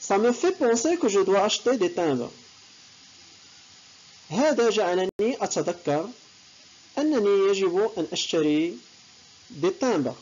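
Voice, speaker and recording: Slow, husky woman teaching French phrases. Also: mid-range voice, lively intonation, a little mellow, dull audio. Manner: reads French phrases slowly, then translates them. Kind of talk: language lesson, explaining in Arabic.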